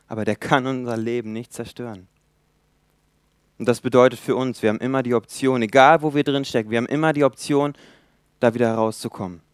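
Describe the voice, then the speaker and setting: A man's voice: mid-range voice, fairly even intonation, brisk, smooth, dry recording, studio quality. Young male preacher with a resonant voice. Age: 20s. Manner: emphatic, swings between loud appeals and quiet asides. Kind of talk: sermon.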